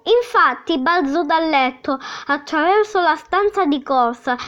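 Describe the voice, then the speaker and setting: A woman reading a children's story aloud in a gentle, expressive way, on a dull lo-fi recording. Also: extremely high pitch.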